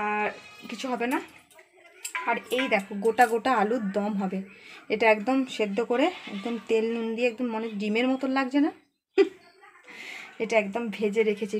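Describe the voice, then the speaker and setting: Quick chatty woman vlogger. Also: on the high side, slight background noise. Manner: chatty, talks straight to viewers. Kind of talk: casual home vlog narration. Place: home kitchen.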